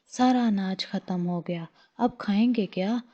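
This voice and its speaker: A woman's voice: mid-range voice, a little slow, mellow, lightly acted. A woman voicing a hardworking female duck wife who scolds and nags her lazy husband, in a slightly dull lo-fi recording. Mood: scolding. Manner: scolding, nagging.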